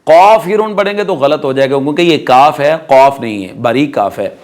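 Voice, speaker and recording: A man with a Pakistani Urdu accent teaching Quran recitation rules, explaining each point and then reciting the words slowly and drawn out. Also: mid-range voice, very animated. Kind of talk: tajweed lesson with slow recitation.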